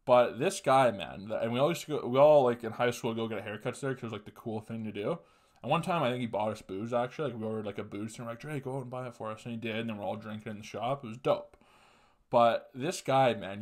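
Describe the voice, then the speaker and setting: Young male podcast host from Canada, loose and profane, rambling comic anecdotes, home webcam sound. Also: mid-range voice. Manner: rambling, profane, animated storytelling. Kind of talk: casual comedic storytelling. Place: small room at home, indoors.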